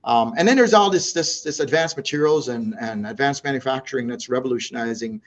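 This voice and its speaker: A mid-pitched man gives a conference talk as an agency director, bursting with excitement and tripping over his own restarts as he races from point to point. His voice comes through a slightly dull, lo-fi recording. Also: brisk. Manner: animated, rambling with many restarts and fillers. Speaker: NASA associate director giving a talk.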